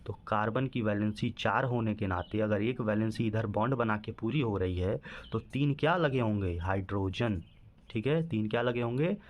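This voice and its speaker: A man's voice: lowish voice, moderate pace. Man teaching, quizzing the class himself. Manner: asks questions and answers them himself, repeats "ठीक है" often. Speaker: chemistry teacher. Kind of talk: classroom-style lesson explanation.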